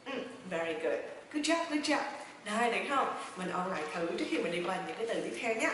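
A woman teaching a pronunciation lesson, chatty and encouraging, drilling words by repeating them slowly and then quickly. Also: medium pitch, lively intonation, a bit bright. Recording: echoey room, heard from a distance, faint noise.

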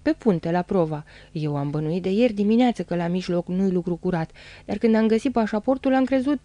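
An eager young cabin boy who calls out in a raised, excited voice, as a woman acts him out in a storybook reading. The reading has a warm tone and a dry, close sound. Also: mid-range voice, no echo, natural voice. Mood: worried.

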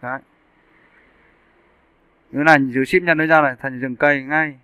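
Recording a voice-over for his screen capture indoors, this man teaches 3D animation in a relaxed tutorial style, frequently making sure people are following as he goes step by step. The recording is dry, and his voice is clear, bright, and slightly high, with a steady tone and moderate pace.

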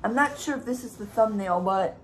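Chatting away in a relaxed mukbang video, this young YouTuber mixes chocolate milk and slices pizza at home. She speaks fairly quickly in a mid-range voice, and a faint TV adds slight background noise to the room.

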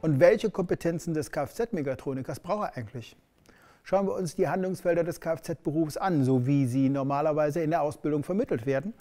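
A middle-aged man explains a topic to camera from a bright studio backdrop, his voice sitting a touch high yet mellow and warm in tone. He speaks in a measured, explanatory way, leaning on the key words. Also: faint music behind. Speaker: education expert presenting.

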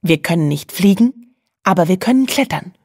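A woman voicing a fearless, bossy young female dormouse who gives brisk, conspiratorial commands. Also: fairly low pitch, lively intonation, darkish tone, breathy edge, dry recording, studio quality.

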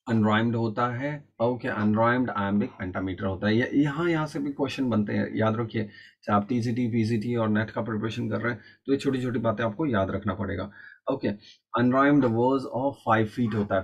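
A man's voice: mid-range voice, highs cut off. A man teaching an online exam-prep lecture, explaining patiently and repeating key points while mixing Hindi and English.

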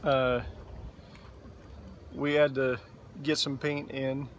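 A man's voice: mid-range voice, very slow, dull audio. Man, 40s, casual self-shot vlogger, easygoing and rambling, outdoor phone audio, faint background hum. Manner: relaxed, rambling with fillers. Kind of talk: casual video diary. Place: outdoors in a boatyard. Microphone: phone camera at arm's length.

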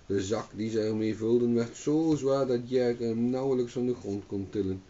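A man reading a fairy tale aloud as a storyteller, in calm steady narration, on a dull distant recording. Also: medium pitch, normal speed.

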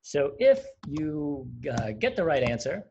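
A man's voice: mid-range voice, expressive, brisk, slight background noise. A man teaching a livestreamed coding lesson, chatty and explanatory, often laughing. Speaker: coding instructor. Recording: dull lo-fi stream audio.

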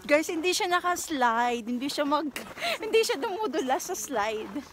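High-voiced young woman vlogging outdoors. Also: animated, normal speed, a bit bright, a little hiss or hum. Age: young adult. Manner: mixes Tagalog and English, chatty. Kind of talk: casual vlog chat. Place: outdoor ice castle park in winter. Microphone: phone at arm's length.

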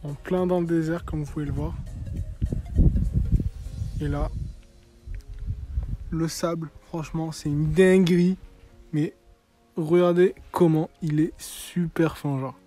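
A young man in his twenties with a fairly high-pitched voice, vlogging casually in French street slang. He talks into a phone at arm's length, with music playing behind him. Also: fairly even intonation, slow, long pauses, dark tone. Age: 20s. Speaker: travel vlogger. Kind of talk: casual vlog chat.

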